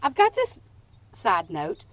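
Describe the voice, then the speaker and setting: A woman from Texas, a podcast guest telling casual, playful stories in a lively way. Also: mid-range voice, slow pace. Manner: lively, playful and warm-humored. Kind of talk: casual storytelling.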